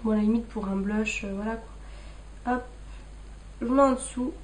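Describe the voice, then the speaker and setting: A woman's voice: on the high side, steady tone, moderate pace, slight background noise. A young woman casually showing makeup to camera, chatty and thinking aloud with many fillers. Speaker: beauty vlogger.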